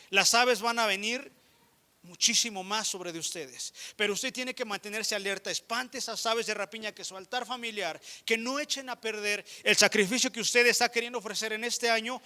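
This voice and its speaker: Mexican pastor, male, high and piercing delivery, lively sermon to the congregation. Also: normal speed. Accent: Mexican Spanish. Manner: animated preaching addressing the congregation directly.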